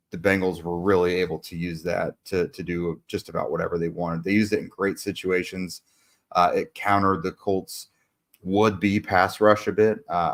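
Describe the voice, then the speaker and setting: On his sports podcast, a male host recaps a game casually, full of fillers and restarts, while his voice is giving out. He sits low in pitch with a fairly bright tone.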